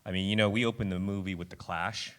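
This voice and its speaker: A man, a film director, answering audience questions in a relaxed, chatty way. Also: low voice, quick pace. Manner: relaxed, chatty, thinks aloud. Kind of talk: casual festival Q&A answers. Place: film festival screening.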